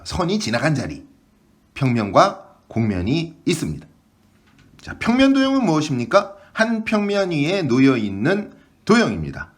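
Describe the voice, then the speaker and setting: Man, math teacher, animated pitch, fairly high voice, quizzing then answering. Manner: quick question-and-answer explaining. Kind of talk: online math lesson.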